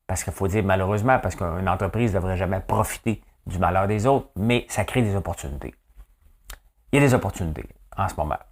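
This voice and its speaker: A middle-aged man with a Quebec French accent, hosting a casual daily news podcast and talking like a farmer speaking his mind, tossing rhetorical questions at the listener. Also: fairly low pitch. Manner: chatty, rhetorical, keeps asking "hein?".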